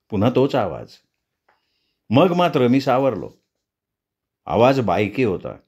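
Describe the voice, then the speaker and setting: A man narrating a spooky story in a dramatic, deliberate storytelling manner. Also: mid-range voice, a little mellow.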